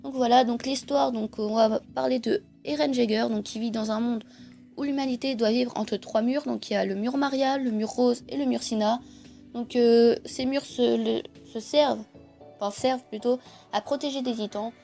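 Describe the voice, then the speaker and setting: A woman's voice: on the high side, steady tone, normal speed, gravelly, dark tone. A young woman talking casually to camera about comics she recommends, hesitant and full of fillers. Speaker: manga reviewer. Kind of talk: casual video monologue. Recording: faint background music.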